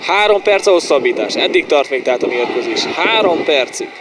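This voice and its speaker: Male football commentator, excited home-side sports call, fairly high voice, noisy outdoor stadium recording. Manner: excited, partisan, short exclamations and repeated player names. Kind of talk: live football match commentary.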